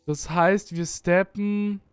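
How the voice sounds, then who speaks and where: Speaking slowly and clearly, a young man with a Berlin German accent has a high, resonant voice with a steady tone, recorded without echo over soft background music. He offers casual, rambling, self-mocking commentary while playing a video game for his channel, at his home gaming setup with headphones and a studio mic on an arm.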